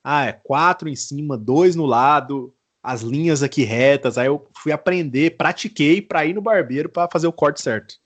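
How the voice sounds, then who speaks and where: A man from Goiás with a Brazilian Portuguese accent, a guest on a casual podcast interview, telling his story in a relaxed way with casual slang. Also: a little high, moderate pace, hardly any pauses. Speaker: guest, mobile engineer.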